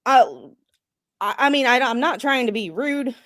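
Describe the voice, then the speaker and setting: A woman talking bluntly on a casual livestream in a high voice. She speaks plainly and is quick to laugh between her points. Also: expressive, a bit bright.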